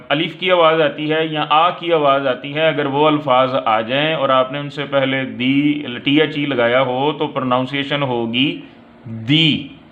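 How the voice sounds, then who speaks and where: Male teacher, slightly high voice, lo-fi audio, teaching pronunciation at a careful, unhurried pace. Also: fairly bright tone. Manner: slow, deliberate, drawing out example words. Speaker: English teacher. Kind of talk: explaining English pronunciation. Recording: dull lo-fi recording.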